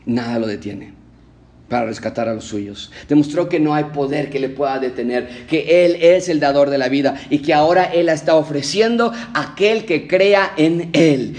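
A male pastor delivering a sermon, emphatic and rhythmic, swinging between raised declarations and hushed, low passages.

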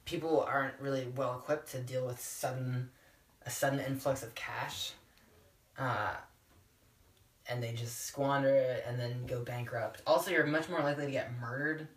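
A woman's voice: extremely low pitch, steady tone, normal speed, far from the mic. A woman in her twenties chatting casually as a podcast guest, talkative, blunt and self-deprecating, recorded in an echoing bathroom. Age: 20s. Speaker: interview guest. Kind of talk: casual, joking podcast chat.

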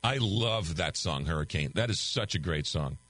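An older man with a low, expressive, slightly bright voice hosts a call-in talk radio show from a studio, speaking into a studio microphone at a moderate pace. He's losing his voice as he loosely reads listener texts and ad copy aloud in a relaxed, conversational way.

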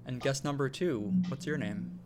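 A man hosting a casual podcast and explaining things in a relaxed way, with frequent ums. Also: medium pitch, normal speed, a little hiss or hum. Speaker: podcast host. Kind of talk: casual chat.

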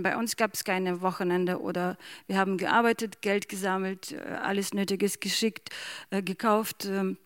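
A woman from Ukraine speaking German, soft-spoken and hesitant, pausing often with fillers as an interview guest. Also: medium pitch, dry recording, clean studio sound. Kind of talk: slow emotional reading and halting answers.

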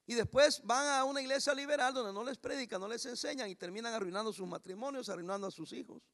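A male pastor preaching with a high, gravelly voice. He talks emphatically, often raising his voice, and slows right down to read scripture word by word. The delivery is a full sermon. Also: a bit bright.

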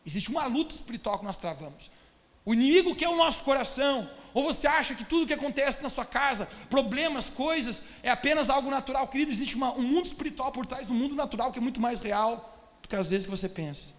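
High-voiced preacher, emphatic. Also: male voice, animated, fast talker. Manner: emphatic, addresses the congregation directly. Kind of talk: sermon. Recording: echoey church hall.

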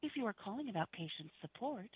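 Breathy phone menu woman over a landline. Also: medium pitch, dry recording. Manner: measured, even announcer delivery. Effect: heard over a landline phone. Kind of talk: recorded phone menu prompts. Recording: dull phone line audio.

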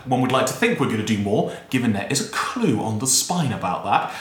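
A man's voice: mid-range voice, sing-song, brisk. A man hosting a casual podcast, recorded in a bare, very echoey room. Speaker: podcast host. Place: bare office room with desk and chairs.

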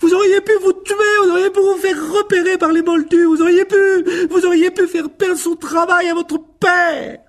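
A man voicing a small, plump witch mother scolding her sons in a shrill voice, for an audiobook. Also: animated, measured pace, long pauses, a little mellow, distant mic, exaggerated voice. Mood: furious. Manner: raspy, gravelly. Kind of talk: audiobook character voice.

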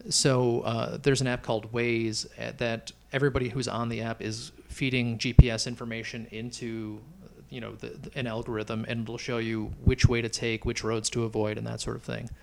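A man's voice: mid-range voice, flat delivery, moderate pace, gravelly, darkish tone. A middle-aged man chatting casually on a podcast, rambling and hesitant, with lots of fillers. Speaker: podcast co-host. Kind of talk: casual chat. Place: Chicago.

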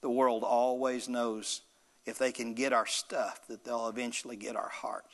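A man's voice: mid-range voice, level tone, moderate pace, in a large hall. A male pastor delivering an emphatic sermon with call-and-response to the congregation.

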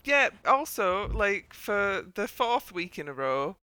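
A woman's voice: medium pitch, sing-song, takes it slowly, sharp tone, clean tone, no echo. A woman from Northern England with a Northern English accent, hosting a casual podcast chat in a rambling way, full of fillers. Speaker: podcast host.

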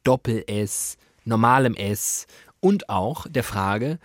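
A man co-hosting a podcast, telling anecdotes in a casual, animated way with lots of fillers. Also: fairly low pitch, slow, no room sound, studio quality. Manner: animated storytelling, many fillers. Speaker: podcast co-host. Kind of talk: casual chat.

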